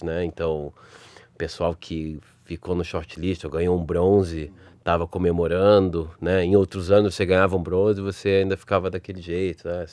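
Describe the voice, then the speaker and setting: A man speaks in a low voice with a clear Rio carioca accent. He talks informally as a podcast guest, with colloquial turns of phrase, in a close, dry recording. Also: darkish tone, dry recording. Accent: Rio de Janeiro carioca. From Rio de Janeiro, Brazil. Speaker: podcast guest, advertising creative executive. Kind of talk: casual interview chat.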